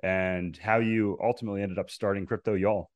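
A man hosting a podcast interview, chatty and animated, with many fillers as he sets up his questions. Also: lowish voice, a little fast, no echo, lo-fi sound. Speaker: podcast host.

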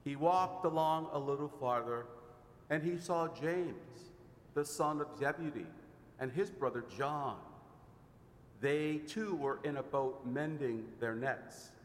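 A man serving as deacon, reading the gospel aloud in a slow, measured proclamation, with a cathedral echo around his voice. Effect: cathedral echo, long church reverb. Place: large church. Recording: echoey church hall with faint rumble.

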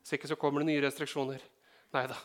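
Speaking in a mid-range voice with a level tone, a Norwegian pastor gives a conversational sermon. He checks in with the congregation and mixes in joking asides.

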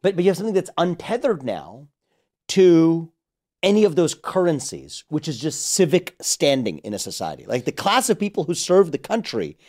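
A male podcast guest who talks quickly and animatedly, stacking repeated words as he builds his point. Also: a little high, big pitch swings, darkish tone. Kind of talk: casual podcast conversation.

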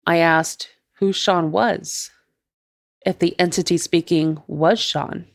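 A woman podcast host narrating her own ghost story in a measured, deliberate way. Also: fairly low pitch, fairly even intonation, creaky, no echo, studio quality.

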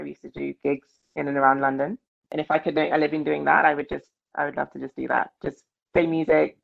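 A woman guest speaking in an interview, thoughtful and quick to laugh. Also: sits low, creaky, lo-fi sound. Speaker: guest, investment specialist. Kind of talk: conversational interview.

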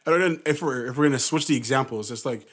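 A man's voice: mid-range voice, fast, fairly bright tone. A man talks in a loose, casual way. He is blunt and full of slang, and he swears as he shares his views with friends. He is recorded in a basement. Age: 20s. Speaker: podcast co-host and musician. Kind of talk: casual chat.

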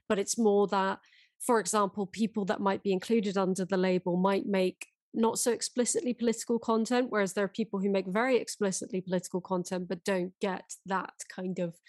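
A woman's voice: mid-range voice, dry recording. A woman co-hosting a casual conversation, chatty and agreeable with frequent ums.

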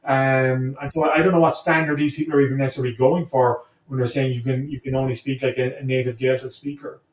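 In a reflective conversation, a male interview guest who speaks English natively hesitates and repeats words while working through his thoughts. He has a mid-range voice, a flat delivery, and a quick pace. There's roomy echo, and he sounds far from the mic.

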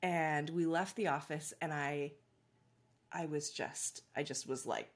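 Her voice is deep and her pace a little slow. She's a parent coach being interviewed, relaxed and chatty, spinning lively anecdotes and breaking into laughter readily.

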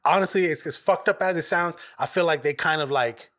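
A man's voice: on the high side, fairly quick, fairly bright tone. A man co-hosting a podcast, bantering in an easygoing way and swearing freely. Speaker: podcast co-host. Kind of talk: casual chat.

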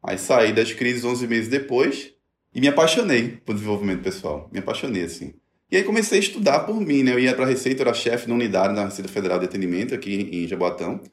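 Animated man in an echoey room. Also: mid-range voice, fast. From Brazil. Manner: animated, acts out quoted voices. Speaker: guest telling his story. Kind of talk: personal story in a conversation.

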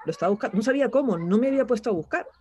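A woman's voice: on the high side, lively intonation, very fast, mellow, a little hiss or hum. A woman as an interview guest, talking casually and reflectively, often ending phrases with a questioning tag and restarting her sentences. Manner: reflective, frequent "¿no?" tags and restarts.

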